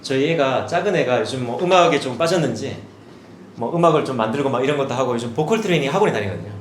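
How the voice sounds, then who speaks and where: A man in his forties, an education director giving a demonstrative seminar talk to parents, now and then switching into a brighter voice as if coaching children. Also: medium pitch, lively intonation, quick pace. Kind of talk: seminar presentation. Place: seminar hall. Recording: echoey hall with faint room noise.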